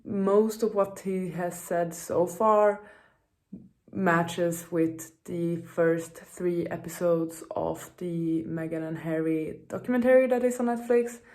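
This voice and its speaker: A woman's voice: fairly low pitch, steady tone, takes it slowly, a little mellow. A woman talking casually as a reading vlogger, in a rambling, self-questioning way full of hedges. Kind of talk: casual vlog chat.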